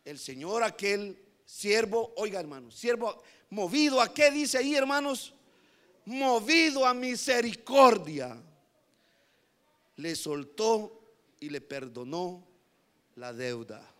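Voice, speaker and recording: A man preaching a sermon, moving between hushed passages and emphatic repetition, often addressing his listeners as brothers. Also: high-pitched, slow pace. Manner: animated, swings from hushed to emphatic, repeats "hermanos".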